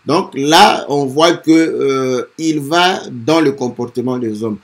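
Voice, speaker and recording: A man commenting on a hymn in a hesitant sermon style, filling pauses with frequent fillers. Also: medium pitch. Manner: hesitant, many "euh" fillers and "n'est-ce pas".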